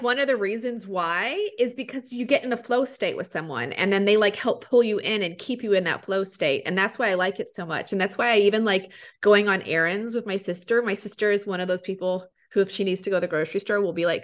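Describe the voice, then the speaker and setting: A woman's voice: mid-range voice, a bit bright. A woman in a casual conversation, talking informally and thinking aloud with lots of filler "like".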